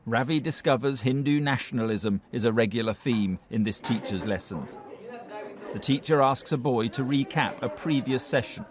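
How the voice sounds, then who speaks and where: A man's voice: mid-range voice, moderate pace, crowd noise. A man reading a scripted documentary narration. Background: music.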